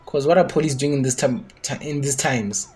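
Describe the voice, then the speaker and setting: Man, husky voice, chatty and rambling, game trailer reaction, casual commentary. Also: medium pitch, moderate pace, darkish tone. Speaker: gaming YouTuber reacting to a trailer.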